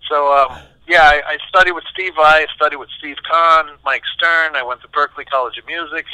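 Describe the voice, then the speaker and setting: A guitarist answering interview questions as a lively storyteller who acts out the voices of the people he quotes. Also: a little high, a little fast, clear, resonant tone, no echo, poor audio. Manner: animated, acts out quoted voices, many restarts. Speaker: session guitarist, interview guest.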